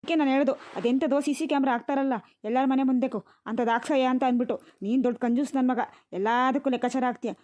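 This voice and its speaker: A woman voicing a sharp-tongued older village woman in a cartoon, with a rural Karnataka Kannada accent, scolding and cursing. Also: high-pitched, fairly even intonation, rapid-fire, hardly any pauses, no echo, natural voice. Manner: scolding, lamenting, cursing loudly. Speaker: mother-in-law and wife in a cartoon household. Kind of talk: cartoon voice acting. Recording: dry, dull lo-fi sound.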